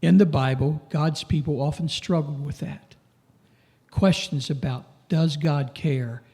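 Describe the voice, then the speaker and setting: A man preaching a sermon in a church, slow and emphatic, lifting his voice on questions and dropping low for asides. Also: steady tone, dark tone. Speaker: pastor.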